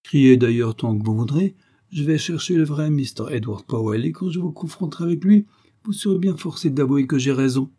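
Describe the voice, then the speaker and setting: Guy putting on a mocking villain from an old detective story, fake-polite, husky. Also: fairly high pitch, very animated, normal speed, dark tone, voice pushed up. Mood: taunting. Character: sneering villainous male gang leader.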